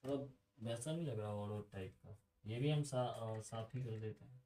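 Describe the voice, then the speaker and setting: A man's voice: fairly low pitch, normal speed, dark tone, echoey room, far from the mic, rough recording. A man teaching a computer lesson in a casual, chatty way, asking his students questions and drifting into side stories.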